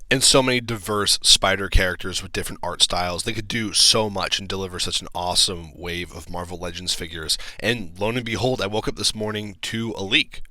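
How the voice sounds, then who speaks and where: A low-voiced man talks through toy news in a casual, filler-heavy way and gives blunt opinions. His tone is bright and forward. The room sounds dry and close. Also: no room sound. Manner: chatty, frequent ums and likes, blunt opinions. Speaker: toy collector channel host.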